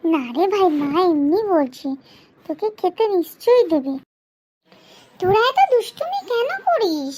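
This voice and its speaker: A woman's voice: extremely high pitch, sing-song, measured pace, darkish tone, exaggerated voice. Woman doing a bossy cartoon big sister. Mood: lecturing. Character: bossy older sister, young girl. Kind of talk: cartoon dubbing.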